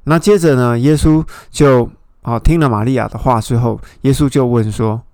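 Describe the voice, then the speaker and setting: A man with a gravelly, mid-pitched voice leads a Bible study lesson. He retells scripture scenes and stops to ask his listeners pointed questions. The sound is dry and close, with no room echo. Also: steady tone, moderate pace, darkish tone. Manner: explanatory, asks the listener rhetorical questions. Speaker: Bible teacher.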